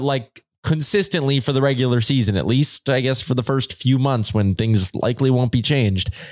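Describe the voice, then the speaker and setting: A man in a casual sports chat, laying out his reasoning in a measured way. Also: mid-range voice, no echo, studio quality.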